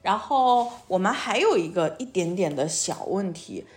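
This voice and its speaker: A woman with a mid-range voice hosts a casual interview for children in the manner of a teacher. She prompts with short questions, repeats key words and slips foreign words into her sentences. Soft music plays behind her. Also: mid-range voice, animated, normal speed. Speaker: host and children's language teacher.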